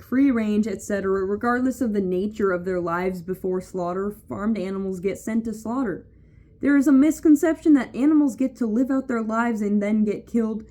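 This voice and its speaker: Blunt young woman with a mellow voice. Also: medium pitch. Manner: blunt, mocking, fillers like "like" and "um". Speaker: vlogger reacting to a website. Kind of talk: casual reaction commentary, reading aloud.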